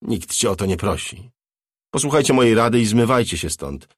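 A man voicing a calm, squeaky-voiced man speaking from a monitor in an audiobook. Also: fairly quick, no room sound, clean studio sound. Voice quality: squeaky and quiet.

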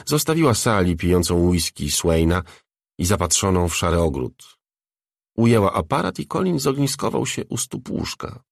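A man reading a novel aloud as narrator, expressive and switching voices for characters. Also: deep voice, no echo, clean studio sound. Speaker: audiobook narrator. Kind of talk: scripted narration.

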